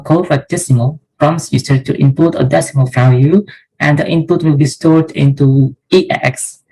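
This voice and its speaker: A man's voice: on the high side, a little mellow, rough recording. A young man from Indonesia, a student, methodically explaining code step by step in a class presentation. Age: young adult.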